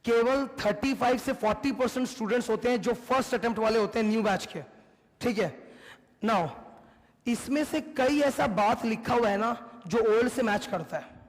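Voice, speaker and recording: A man's voice: extremely high pitch, moderate pace. An Indian man teaching a class, emphatic and repetitive, mixing Hindi and English as he lectures. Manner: mixes Hindi with English, emphatic, repeats points. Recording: long hall reverb.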